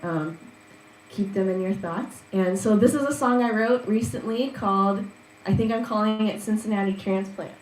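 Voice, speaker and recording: A woman's voice: mid-range voice, moderate pace, slight background noise. A young woman from Washington State, chatting casually and a little shyly before her open mic set on a live stream, heard through her laptop microphone. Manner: chatty, laughs easily, soft-spoken intro. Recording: echoey room on a laptop stream.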